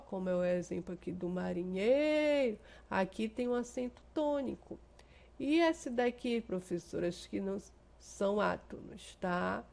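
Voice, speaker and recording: A Brazilian woman teaching a class. She explains step by step, keeps checking that her students follow, and draws out the example words slowly. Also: mid-range voice, gravelly, darkish tone. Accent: Brazilian Portuguese. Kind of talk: remote class lesson.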